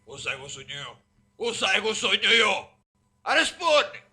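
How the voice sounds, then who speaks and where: Guy doing a crazy menacing sicilian mob boss, game parody, taunting, super sharp bright voice. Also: high-pitched, sing-song, normal speed, breathy edge, exaggerated voice. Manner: domineering, taunting. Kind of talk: amateur comedy parody dub of a video game.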